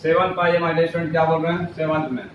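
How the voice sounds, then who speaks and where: Man teaching English slowly, echoey room. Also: fairly high pitch, little pitch movement, dull audio. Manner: repeats sentences slowly, switching between Hindi and English. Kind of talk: spoken English lesson. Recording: echoey room with faint noise.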